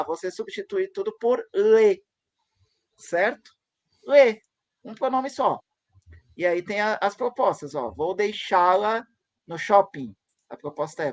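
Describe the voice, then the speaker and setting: A man's voice: high voice, no echo. A man hosting a casual online chat over a video call, upbeat as he reads text aloud and comments on it. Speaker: host.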